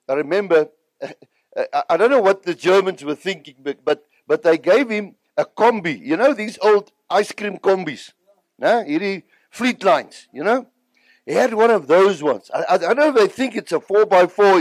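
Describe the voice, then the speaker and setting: Animated and emphatic, an older South African preacher with a high pitch recounts his personal testimony as a sermon, repeating phrases for effect at a normal speed. Born in Zimbabwe, he was partly raised in South Africa. The recording is dry.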